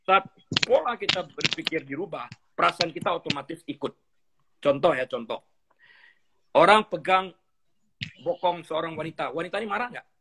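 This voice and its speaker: A husky, slightly high-pitched man in middle age speaks as a pastor in a relaxed interview. He tells stories animatedly, acts out little dialogues and mixes English phrases into his talk. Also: normal speed, long pauses. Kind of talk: conversational teaching interview.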